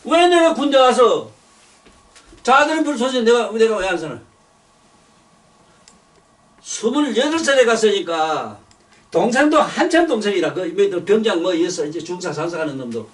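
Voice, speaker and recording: A man's voice: sits high, big pitch swings, moderate pace, pauses often, distant mic. An older man giving a blunt, rambling sermon, swearing and repeating himself. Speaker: preacher.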